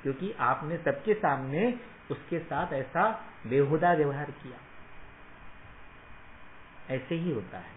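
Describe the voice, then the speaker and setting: A man with a somewhat high voice teaches students in a motivational, rhetorical style, mixing Hindi with English phrases. The sound is echoey and phone-like, with faint background noise. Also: lively intonation, slow pace, pauses often. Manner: emphatic, rhetorical, asks "hmm?" for assent. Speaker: Ayurveda teacher.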